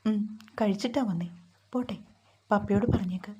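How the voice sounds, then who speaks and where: Brief: woman doing a timid young student girl, husky and soft-spoken. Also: medium pitch, moderate pace, lo-fi sound, lightly acted. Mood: earnest. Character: hurt, shy young college girl.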